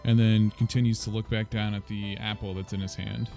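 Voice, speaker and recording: A man's voice: fairly low pitch, level tone, fairly quick, gravelly, dark tone. A man narrating casually as game master of a tabletop role-playing game. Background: faint music.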